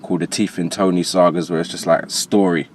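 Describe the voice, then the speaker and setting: This is a Jamaican-born man who later moved to England, speaking with a transatlantic accent as a rapper guest in an interview, conversational and full of slang. His voice is low and fairly quick, with fairly even intonation and slight background noise.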